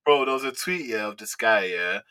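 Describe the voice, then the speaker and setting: A young man, co-hosting a casual football chat in excitable, slangy banter. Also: on the low side, fairly quick, over a noisy crowd. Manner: excitable slangy banter, says bro a lot. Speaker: podcast co-host.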